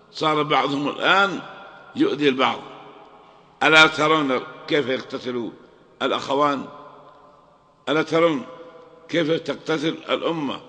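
A man's voice: a little high, sharp tone. A man preaching a sermon in a large mosque, repeating phrases, asking rhetorical questions and chanting Quran verses. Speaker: preacher giving a Ramadan lecture. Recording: long echo of a large mosque.

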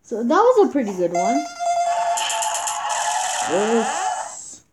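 Recorded on a phone's screen recorder mic, a woman chats casually over mobile gameplay as a YouTube gamer, stumbling, repeating words, and using many fillers. Her fairly high voice is sing-song with drawn-out words, and loud music plays behind her.

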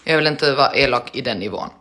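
A woman's voice: a bass voice, very animated, fairly bright tone. A woman chatting casually to her live-stream viewers between prank calls, joking and laughing at herself. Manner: chatty, self-mocking, laughs often.

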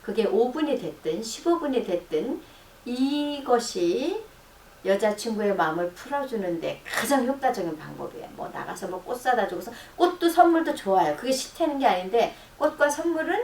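A woman's voice: big pitch swings, moderate pace. Distant, roomy-sounding female psychologist. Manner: explanatory, acts out sample dialogue in a soft low voice. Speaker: counseling psychologist giving advice. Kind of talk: radio advice talk. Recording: roomy, distant, faint noise.

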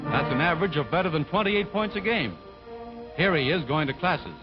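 A man's expressive, somewhat high voice moves briskly through scripted sports narration in formal announcer style. It comes from a 1940s newsreel, whose dull lo-fi audio is dominated by a loud musical score.

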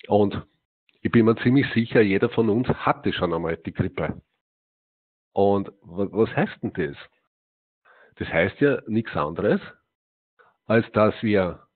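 A man speaks to a seated audience in a fairly low voice, posing rhetorical questions and answering them with emphasis. His talk is dotted with filler words and small hesitations. The sound is narrow and tinny, like a phone line. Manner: sprinkles in "ja" and hesitant "äh". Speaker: lecturer.

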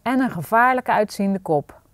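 A woman's voice: medium pitch, moderate pace, dry recording. Storyteller woman reading to kids, dry close sound. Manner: expressive, lively storytelling. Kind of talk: reading a children's story aloud.

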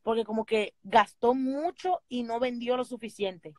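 A woman with a Dominican Spanish accent chats about books in a gushing, animated way, now and then slipping into English. Her voice sits high, and the sound is close and dry with no room around it. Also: normal speed, no echo. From Dominican Republic. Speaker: book channel host. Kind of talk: casual chat.

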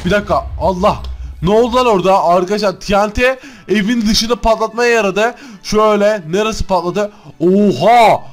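A man doing excitable Minecraft gameplay commentary, constantly calling out to his viewers. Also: high voice, moderate pace. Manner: excitable, keeps addressing the viewers. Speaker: gaming YouTuber.

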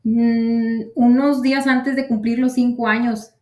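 Recorded in an echoey space, a woman interviewee relaxedly retells her citizenship interview, quoting plenty of dialogue. Her voice is a little high with a darkish tone, her delivery is flat, and she speaks a little slowly.

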